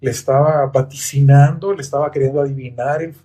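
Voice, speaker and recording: A man's voice: mid-range voice, fairly even intonation, fairly quick, dark tone, breathy edge. A man on a Bible study podcast, explaining scripture in a patient, methodical teaching tone.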